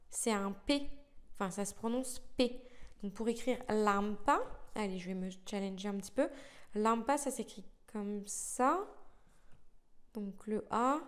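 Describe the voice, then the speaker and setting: A young woman vlogging casually about learning letters, thinking aloud with frequent hesitations and fillers. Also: medium pitch. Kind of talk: casual live learning vlog.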